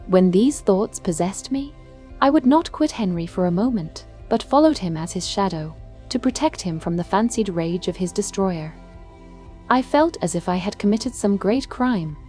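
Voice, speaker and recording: Dark, mellow woman narrating gothic fiction. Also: mid-range voice. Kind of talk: dark scripted audiobook narration of a gothic novel. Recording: music behind the voice. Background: background music.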